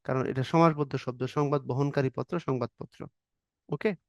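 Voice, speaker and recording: A man's voice: mid-range voice, fairly even intonation, normal speed, a little mellow, no room sound, lo-fi sound. A man teaching an exam-prep Bangla grammar lesson, explaining step by step, acting out short example questions and answers, and often checking that the students are following.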